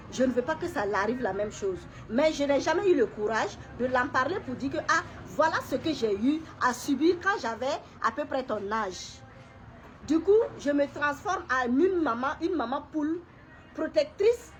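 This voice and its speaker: A middle-aged woman gives an emotional personal testimony to camera. She talks haltingly, often repeating words, pausing and clearing her throat. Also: sits high, slight background noise. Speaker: woman sharing a personal story.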